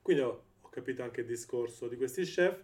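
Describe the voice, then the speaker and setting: A man's voice: mid-range voice, fairly quick, darkish tone. A man hosting a podcast in a casual, chatty interview style, often doubling up words as he talks. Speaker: podcast host.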